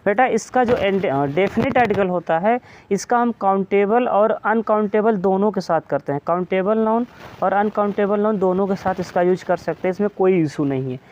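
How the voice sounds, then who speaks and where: A man's voice: high voice, normal speed, darkish tone. Man, grammar teacher, Hindi classroom lecture, patient self-questioning manner, muffled lo-fi audio, faint hiss. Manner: asks questions and answers them himself, calls students "beta". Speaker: English teacher.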